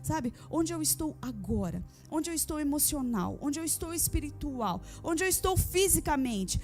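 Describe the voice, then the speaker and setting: A woman's voice: high-pitched, big pitch swings, normal speed, darkish tone, faint music behind. A woman pastor preaching a sermon to a church congregation, driving her points home with repeated phrases and rhetorical questions. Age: adult with a daughter. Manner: addresses the women of the congregation directly. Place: church service.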